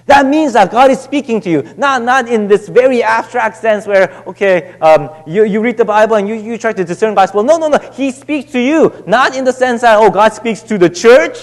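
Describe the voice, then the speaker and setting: High-voiced pastor, echoing hall. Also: male voice. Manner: conversational, halting with many restarts and fillers. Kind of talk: sermon. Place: church sanctuary. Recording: long church hall reverb.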